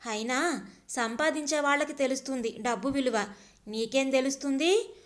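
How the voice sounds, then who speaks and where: A woman's voice: sits high, unhurried, fairly bright tone. Ravi, a woman doing a sneering husband. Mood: mocking. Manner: sneering, scolding. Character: scornful husband, a clerk, mocking his wife.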